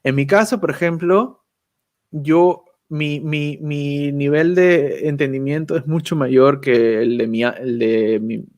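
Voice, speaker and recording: A man's voice: on the high side, fairly even intonation, takes it slowly, darkish tone, lo-fi sound. A man chatting as a guest on a video call, thoughtful and self-deprecating, often ending phrases with a questioning "right?". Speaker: guest YouTuber. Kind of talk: casual chat.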